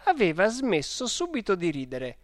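An audiobook reader narrating a first-person diary story in a measured, even manner. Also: medium pitch, no echo, studio quality. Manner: slow, measured, even reading.

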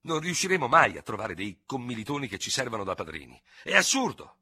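A man's voice: mid-range voice, sing-song, fairly quick, sharp tone, slightly rough, pitched above the performer's own voice, full character voice. A man reading aloud voicing a cool, contemptuous young staff officer who speaks with exasperated disdain. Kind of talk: dramatic audiobook reading.

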